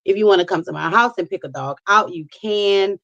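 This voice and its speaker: A woman's voice: medium pitch, fairly quick, a bit bright, no room sound, lo-fi sound. A middle-aged woman with a New Orleans accent, chatting casually as a talk show guest. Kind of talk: casual chat.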